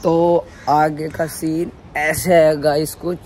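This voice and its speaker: A young adult vlogger chats and teases friends in a casual vlog filmed on a phone at arm's length, moving between a home rooftop, streets, and indoors. His voice is on the high side, slow and fairly flat, with loud bursts and a little hiss or hum.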